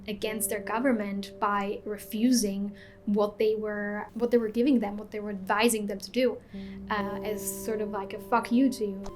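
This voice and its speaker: A young woman from Slovakia ranting frankly in a casual video, with many fillers and restarts. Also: mid-range voice. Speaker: vlogger. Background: music.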